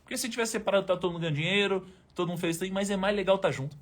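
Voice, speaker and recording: A man's voice: sits high, racing. A man with a Brazilian Portuguese accent hosting a motivational live stream, talking informally and emphatically, with slang and the odd swear word aimed straight at his viewers.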